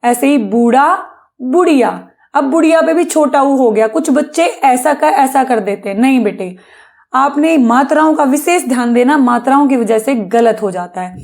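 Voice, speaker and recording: High-voiced woman teaching children, gravelly. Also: lively intonation, moderate pace, darkish tone. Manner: patient, addresses pupils as beta, asks and answers own questions. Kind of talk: Hindi grammar lesson for children.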